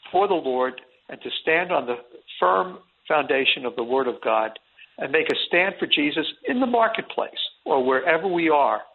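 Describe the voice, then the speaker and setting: This middle-aged interview guest has a mid-range voice with a little hiss or hum behind it, heard through a tinny phone line. He rambles earnestly and keeps starting his sentences over.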